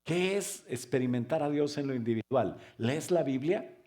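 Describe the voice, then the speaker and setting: A man preaching a sermon as pastor, firing rhetorical questions and joking asides, now loud and emphatic, now quiet. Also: mid-range voice, animated, moderate pace. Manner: swings between loud emphatic stress and soft quiet stretches.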